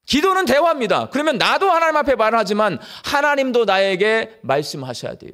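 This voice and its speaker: A middle-aged man delivers a sermon with a notably high, bright-pitched voice that swings widely up and down. He talks straight at the congregation, peppering them with rhetorical questions. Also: very animated, brisk. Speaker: pastor. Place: church during a live service.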